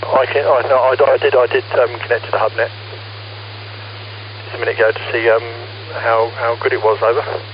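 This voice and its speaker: A man talks over shortwave radio in a casual ham operator style. He is a little hesitant and hands over as he finishes. The link is dull and clearly noisy, with hum under his voice. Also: medium pitch, little pitch movement, a little fast. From England. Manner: hesitant, ends turns with "over". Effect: shortwave radio transmission.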